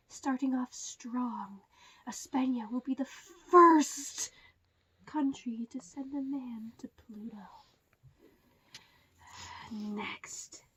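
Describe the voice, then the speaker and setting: A woman playing a theatrical male fortune-telling news reporter, half-whispering her breathy predictions in a slow, dramatic mock-mystical delivery. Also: high voice, a bit bright, slight background noise, poor audio. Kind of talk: amateur mock newscast.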